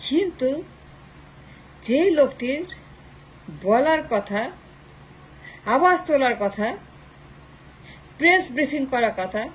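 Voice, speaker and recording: A woman with a high, bright-pitched voice delivers an impassioned political commentary. She hammers her points through long rhetorical lists of short phrases. She mixes English phrases into her speech. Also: lively intonation, takes it slowly, pauses often, a little hiss or hum, rough recording.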